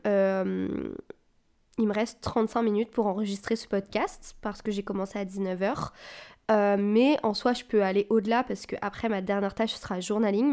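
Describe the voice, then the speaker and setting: Recording at home into a boom-arm desk mic, a young podcast host with a darkish, mid-range voice chats casually on her own show. Her phrasing is loose and packed with fillers and English buzzwords, and her tone is encouraging though she describes herself as anxious.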